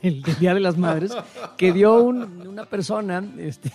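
A man's voice: high voice, measured pace, music in the background. A man with a Mexican accent, co-hosting a casual comedic commentary show, joking crudely and mocking. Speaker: co-host.

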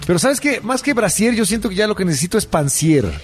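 A man's voice: high-pitched, fast talker, faint music behind. A man with a Mexican accent, co-hosting a casual comedy podcast and teasing his partner. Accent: Mexican Spanish. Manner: lively, teasing, drives the countdown. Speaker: podcast co-host.

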